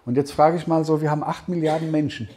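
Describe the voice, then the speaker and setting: Mellow-voiced man teaching Bible. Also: a little high, fairly even intonation, fast talker. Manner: conversational, keeps asking "ja?". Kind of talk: Bible seminar talk. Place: seminar hall with audience questions.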